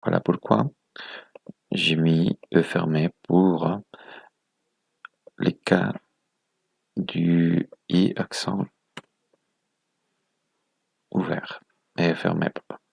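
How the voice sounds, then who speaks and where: Man, lesson walkthrough, husky, dry close sound, methodical, counts things off. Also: low voice, fairly even intonation, very slow, long pauses, a little mellow, no echo. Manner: methodical, counting items aloud, corrects himself. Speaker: presenter of a phonetics video lesson. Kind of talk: explaining a lesson step by step.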